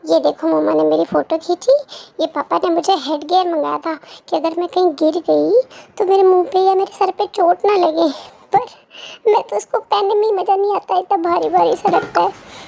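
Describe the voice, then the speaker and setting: A woman's voice: very high-pitched, fairly even intonation, normal speed, gravelly, dark tone, heavily acted. A woman voicing a chatty, cheerful baby girl who narrates her own day in a cutesy vlog, talking playfully straight to the viewers.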